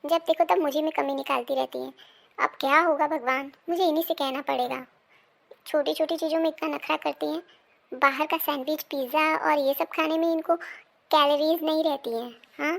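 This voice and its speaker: A woman's voice: high voice, steady tone, normal speed, gravelly. A woman playing an overworked young daughter-in-law who grumbles and defends herself in an amateur family drama. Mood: grumbling.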